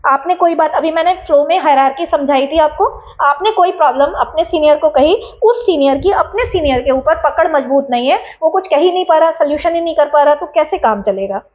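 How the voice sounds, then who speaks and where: A woman's voice: sits high, brisk, few pauses, a little mellow, highs cut off. A woman from Bijnor, India, giving an exam-prep lecture, explaining terms and checking in with her students. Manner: explanatory, addresses students as beta, tag questions. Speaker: teacher. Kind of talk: exam-prep lecture in Hindi-English mix.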